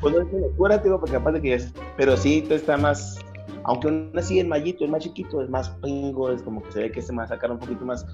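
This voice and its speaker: A man's voice: mid-range voice, fast talker, muffled recording, over music. Rambling Mexican man telling jokes. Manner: rambling, repeats words, playful slang. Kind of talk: casual joke-telling.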